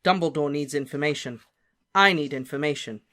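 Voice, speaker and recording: Brief: earnest teenage boy wizard, quiet but insistent, read by the narrator. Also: medium pitch, fairly quick, close to an everyday voice. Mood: determined.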